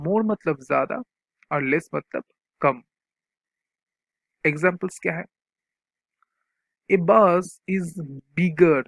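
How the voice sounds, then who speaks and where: A man teaching English grammar, explaining points slowly and repeating them, reading example sentences out word by word. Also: on the high side, creaky, bright, forceful tone, no echo. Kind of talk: explaining grammar from a chart, mixing Hindi and English.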